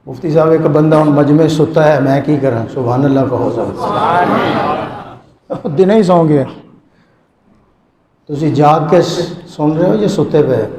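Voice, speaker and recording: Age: adult. Sex: man. Role: preacher giving a live sermon. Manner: dramatic storytelling, teases the crowd. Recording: echoey hall with PA. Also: on the high side. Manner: dramatic storytelling, teasing the audience, chanting verses melodically. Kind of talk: live Islamic sermon to a gathering.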